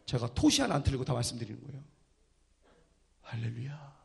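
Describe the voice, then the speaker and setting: A man preaching a sermon and telling his story with drama, dropping from loud to hushed. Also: medium pitch, lively intonation, a little fast, vocal fry. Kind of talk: sermon testimony.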